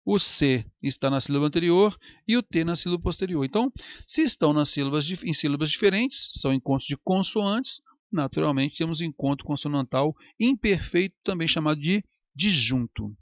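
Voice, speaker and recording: Lively teacher drawing out words. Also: male voice, on the high side, no echo, studio quality. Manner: lively, stretches out example words slowly. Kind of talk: recorded grammar lecture.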